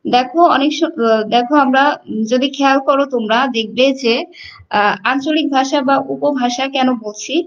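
A woman's voice: high voice, normal speed. A woman teacher from Bangladesh explaining a lesson to her students, addressing them directly with frequent fillers. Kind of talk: online class lecture. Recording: dull lo-fi audio.

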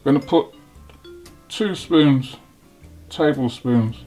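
A man hosting a home cooking video, talking slowly and haltingly through each step of a recipe in his kitchen. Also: medium pitch, dark tone. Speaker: cooking channel host. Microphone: off-camera, hands-only framing. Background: sizzling wok, faint music.

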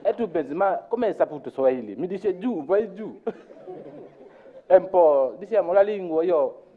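A man from Kenya with a Kenyan accent, talking informally at a conference in a halting way, searching for words and acting out what others said. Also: on the high side, animated. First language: Luo. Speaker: conference speaker. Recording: tinny phone-like sound.

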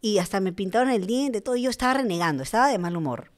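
A woman's voice: mid-range voice, lively intonation, quick pace. A woman, telling stories as a podcast guest, full of "o sea" and tag questions. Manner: chatty storyteller, lots of "o sea" and "¿no?". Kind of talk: casual interview chat.

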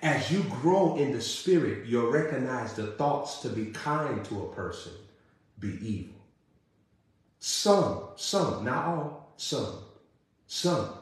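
Male preacher, sermon delivery, emphatic repetition, heavy room echo. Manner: rising to emphatic repeated questions, then dropping low. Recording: very echoey room.

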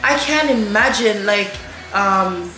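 A woman in her thirties talks casually to camera, filling pauses with ums and restarting her sentences. Her voice sits at a middle pitch. The room is echoey, with music playing behind her. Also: lively intonation, sharp tone. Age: 30s. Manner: chatty, restarts with many ums. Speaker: vlog co-host, mother. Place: indoor room in front of a lattice-patterned wall.

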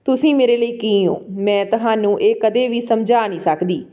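A woman voicing a troubled young wife, fearful and pleading, in a soft storytelling read. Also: a little high, normal speed, natural voice. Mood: tender. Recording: dull lo-fi recording.

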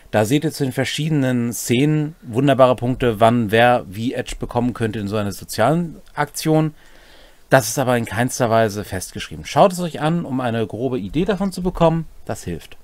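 Partly reading from a script, a man in his forties teaches game rules to camera and speaks directly to his audience in an instructive manner. His voice is mid-range and a little mellow, recorded indoors in a small, messy home room.

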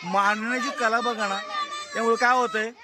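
A man with a Marathi accent walks through an outdoor school fair and gives a cheerful running commentary, exclaiming as he goes and asking children their names. A crowd chatters all around him, and loud outdoor noise sits under his voice. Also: very high-pitched, fairly even intonation, a little fast. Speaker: reporter touring a school market. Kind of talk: casual walkaround vlog commentary.

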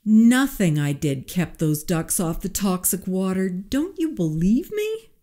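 A woman's voice: medium pitch, very animated, measured pace, mellow. A woman voicing an anxious pleading young graduate. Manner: pleading, self-coaching.

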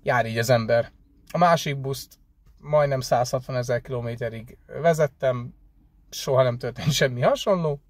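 A man rambling conversationally in a casual vlog, pausing often with hesitation fillers. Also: medium pitch, no room sound. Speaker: delivery van driver vlogger.

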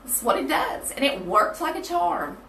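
A woman's voice: high-pitched, big pitch swings, moderate pace, gravelly, fairly bright tone. A woman with a Southern US accent leading an informal online Bible study in a conversational way, often checking in with "okay?", recorded in a bathroom. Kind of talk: casual Bible teaching chat on a livestream. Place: echoey bathroom at home. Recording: echoey small room, distant mic, faint noise.

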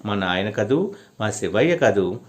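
Pleading little girl, as a male storyteller puts her on, coaxing, low-pitched storybook voice. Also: big pitch swings, unhurried. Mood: begging.

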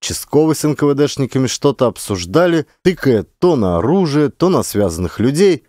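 A man reading an adventure audiobook in an expressive, dramatic narration. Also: mid-range voice, brisk, no echo, clean studio sound. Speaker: audiobook reader.

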